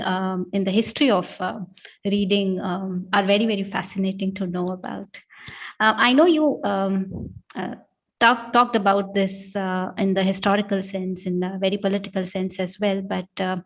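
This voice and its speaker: A woman interviewing a guest in an academic conversation, speaking in a measured way with many fillers. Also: mid-range voice.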